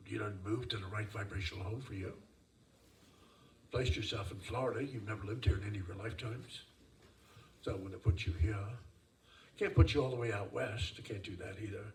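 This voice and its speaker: Low-voiced male seance medium in a roomy space. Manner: addresses listeners as dear and sir, repeats phrases. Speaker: spirit medium. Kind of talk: live seance medium readings to an audience. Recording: roomy, distant mic, faint noise.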